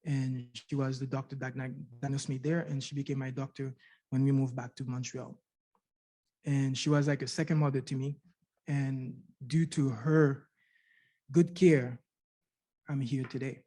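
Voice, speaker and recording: A warm, mid-range male voice, a little slow and with little pitch movement, belongs to a middle-aged Canadian conference speaker. In a university conference room he earnestly recounts his patient experience, repeating words and asking rhetorical questions.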